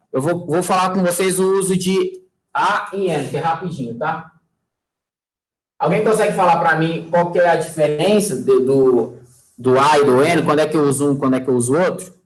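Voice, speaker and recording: The audio is poor, but it carries a fairly high male voice at a moderate pace. With a Brazilian Portuguese accent, he teaches English casually and chattily, repeatedly asking students "tá?" and "fechou?" and using folksy sayings.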